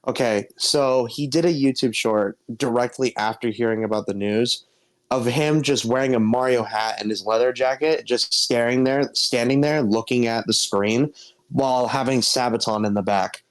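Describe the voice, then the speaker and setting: A man in his twenties, a guest on a casual stream, telling gossipy stories in an animated way. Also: mid-range voice, normal speed. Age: 20s.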